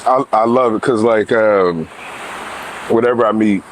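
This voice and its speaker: A man hosting a casual interview, relaxed and joking, often murmuring agreement. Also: lowish voice, a little slow, background noise. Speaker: host. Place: rooftop, outdoors.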